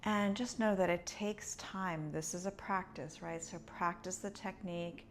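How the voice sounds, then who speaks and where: A woman's voice: fairly low pitch, fairly even intonation, unhurried, a little hiss or hum. A woman teaching yoga breathing, guiding step by step in a conversational, explanatory way. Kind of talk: instructional breathing lesson, guiding along.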